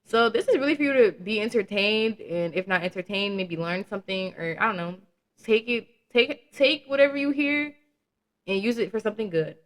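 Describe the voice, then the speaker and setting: Her medium-pitched voice is expressive and fairly quick as she runs her solo podcast. Around twenty, she talks openly in slang, swears, and laughs at her own jokes.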